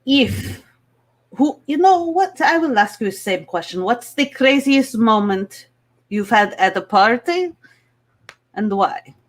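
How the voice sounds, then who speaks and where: A woman's voice: on the high side, lively intonation, takes it slowly. A woman voicing a dramatic Russian bachelorette with a put-on Russian accent in an improv dating-game sketch. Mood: haughty, coy. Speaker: contestant picking a band. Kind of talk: improv game-show comedy.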